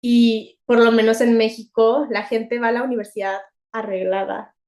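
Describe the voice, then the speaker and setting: A young woman with a Mexican accent, co-hosting a podcast in a chatty, animated way and laughing often. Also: a little high, normal speed. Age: young adult. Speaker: podcast co-host. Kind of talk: casual chat.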